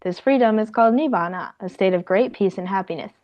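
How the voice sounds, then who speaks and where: A woman's voice: mid-range voice, fast. A young woman reading out a prepared talk as a student presenter in a class. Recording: dull lo-fi sound.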